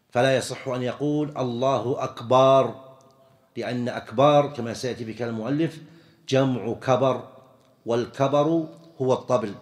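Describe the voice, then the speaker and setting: A man's voice: mid-range voice, a little mellow. A man teaching a religious jurisprudence lesson, explaining step by step, repeating key terms and quizzing his students.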